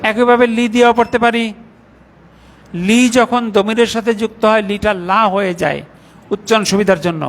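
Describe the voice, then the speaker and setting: A middle-aged man teaching a grammar class in a mosque, patiently reciting word forms slowly one by one. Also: high-pitched, fairly even intonation. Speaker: Arabic teacher.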